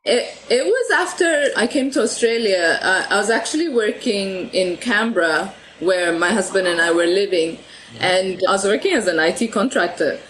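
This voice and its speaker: A woman from Ethiopia chats as a podcast guest in an easy, friendly way. She laughs often and stumbles over the starts of her sentences. Her pitch is middling, and faint noise sits under her voice. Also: animated, moderate pace, a bit bright, poor audio. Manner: chatty, laughs often, repeats words when starting sentences. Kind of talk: casual interview chat.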